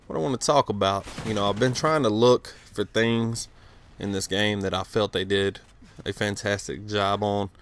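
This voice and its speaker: Late-20s man, gaming commentator: low flat voice, loose and profane, a bit stuttery from the cold, faint outdoor hum behind. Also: normal speed. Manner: rambling, swears freely, many fillers. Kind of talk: casual gameplay commentary. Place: outdoors outside his house.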